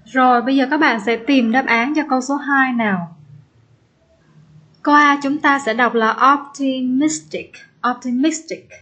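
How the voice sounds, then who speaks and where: A woman teacher explaining an exam step by step, repeating example words slowly and patiently. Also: high-pitched, sharp tone. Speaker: English teacher. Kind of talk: exam-prep lesson.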